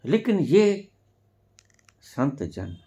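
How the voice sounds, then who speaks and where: A man giving a spiritual discourse as a teacher, speaking deliberately with sudden loud emphatic rises. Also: fairly high pitch, wildly swooping pitch. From India.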